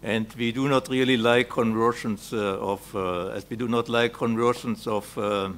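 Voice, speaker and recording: A man with a German accent speaking haltingly at a conference round table, with many filled pauses and repeated words. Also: mid-range voice, steady tone, a bit bright. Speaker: panel speaker. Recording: noisy live conference room recording.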